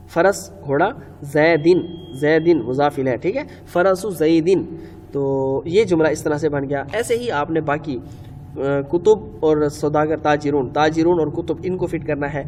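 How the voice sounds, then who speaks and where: A man's voice: a little high, a little mellow. A man giving a step-by-step grammar lecture in Urdu with a Pakistani accent, repeating rules and answering his own questions. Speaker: Arabic grammar teacher. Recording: long reverb, faint ambient noise.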